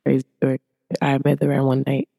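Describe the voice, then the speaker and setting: A woman's voice: rumbling low, monotone, brisk, vocal fry, dark tone, dry recording, studio quality. An American woman from Oakland with a Bay Area accent, chatting casually and slangily as a podcast guest. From Oakland, California. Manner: laid-back, slangy. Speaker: podcast guest, music artist. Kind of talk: casual chat.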